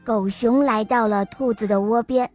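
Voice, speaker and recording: A woman telling a bedtime story to children in a warm, sing-song way. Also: on the high side, steady tone, moderate pace. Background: faint music.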